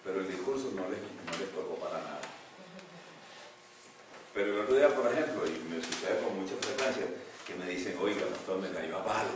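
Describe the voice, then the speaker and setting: An older male pastor preaches in a lowish voice, swinging from loud outbursts to hushed asides. He is recorded from a distance in a very echoey church, with clear noise in the background. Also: expressive, brisk. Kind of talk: sermon. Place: church sanctuary.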